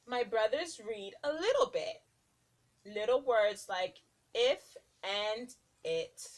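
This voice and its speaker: Reading aloud from a rhyming picture book, a female preschool teacher entertains young children with a sing-song, expressive, carefully paced style. Her voice is on the high side.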